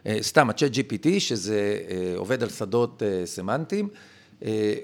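Man, gravelly voice, lively pitch, emphatic lecturing guest. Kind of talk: conversational explanation.

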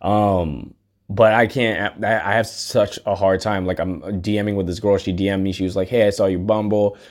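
Lowish-voiced man musing aloud. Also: fairly even intonation, normal speed, a little mellow. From United States. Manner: earnest, rambling, swears casually. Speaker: podcast host. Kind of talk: casual solo monologue.

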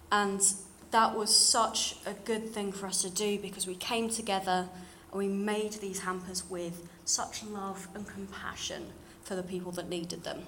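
A woman's voice: medium pitch, a bit bright. A young woman from London with a modern British, slightly RP accent, giving an earnest, plain-spoken personal testimony talk to a church congregation. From London, England. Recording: clear background noise and room ambience.

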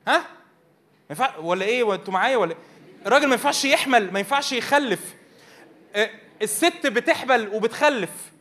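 A man's voice: extremely high pitch, lively intonation, fast talker, pauses often, fairly bright tone. A man with an Egyptian Arabic accent teaching a church youth meeting from slides, often asking the audience questions. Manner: engages the audience with repeated questions.

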